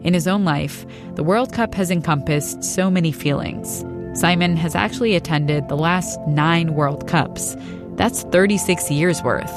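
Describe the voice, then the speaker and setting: A woman hosting an interview, asking questions in a measured, inquisitive way. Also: fairly low pitch, over music. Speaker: host.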